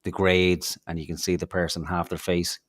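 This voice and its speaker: A man's voice: sits low, little pitch movement, moderate pace, no room sound, clean studio sound. A man, co-hosting a podcast, telling rambling stories in casual chat with lots of fillers, restarts and swearing. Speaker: podcast co-host.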